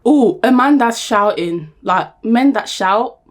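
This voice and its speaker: A young woman talking to camera in a blunt, emphatic, animated way, laughing often. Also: a little high, slow. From Nigeria. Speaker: vlogger. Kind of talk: casual talk to camera.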